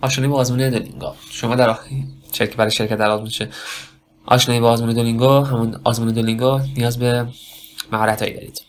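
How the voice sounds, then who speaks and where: A man teaching a spoken lesson for test preparation, talking slowly in broken phrases and asking himself questions. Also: mid-range voice, little pitch movement, slight background noise. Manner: slow, halting delivery with many pauses and self-questions. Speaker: English test prep teacher.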